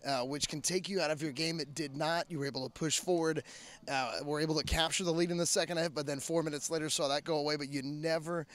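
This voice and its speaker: A man in his thirties holds a handheld mic and asks a coach long, detailed questions after a night game, pausing on "uh" as he goes. His voice sits a little high for a man. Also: steady tone, fairly bright tone. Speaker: sports interviewer. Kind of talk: postgame interview questions. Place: outdoor soccer field at night under floodlights.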